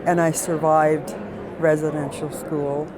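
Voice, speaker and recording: A woman interviewed for a news report, speaking in an emotional, halting way. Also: deep voice, level tone, music in the background, poor audio.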